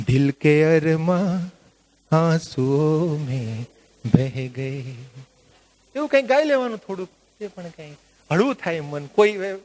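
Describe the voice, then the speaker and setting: A man leading a workshop, lecturing a live audience in an animated, joking way and putting questions to the listeners. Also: high voice. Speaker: workshop trainer. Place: workshop at a religious venue.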